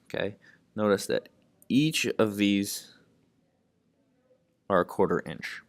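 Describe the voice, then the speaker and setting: A man with a low, deep voice tutors math, working problems out loud step by step. He leans on "okay" as a constant verbal tic. The sound is close and dry, with no room around it. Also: slow pace, vocal fry, dry recording. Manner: says "okay" constantly, thinks aloud step by step. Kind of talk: lesson narration while writing.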